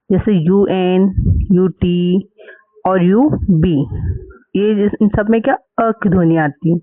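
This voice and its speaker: A man's voice: high-pitched, dry recording, phone-quality sound. A man teaching English phonics, spelling each word letter by letter and then repeating it. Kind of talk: slow spelled-out phonics lesson.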